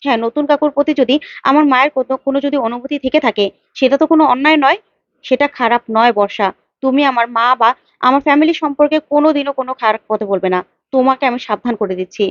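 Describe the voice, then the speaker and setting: Brief: a woman doing a furious young husband, high voice, heated and accusing, dull dry lo-fi sound. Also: quick pace, no echo, natural voice. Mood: angry. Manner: heated, accusing, insistent repeats. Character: angry young husband confronting his wife.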